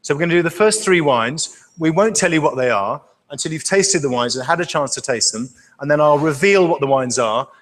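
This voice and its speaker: A man's voice: on the high side, expressive, brisk, fairly bright tone. A man leading a wine tasting, speaking live to an audience with enthusiasm and frequent stammered restarts. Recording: echoey hall.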